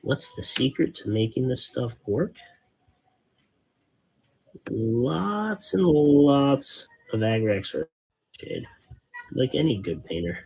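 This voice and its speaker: A man's voice: medium pitch, very animated, takes it slowly, vocal fry, pauses often, a little mellow, husky. A man hosting a casual hobby painting stream, rambling and patiently explaining things, cracking corny dad jokes. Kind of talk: casual live-stream chat while painting.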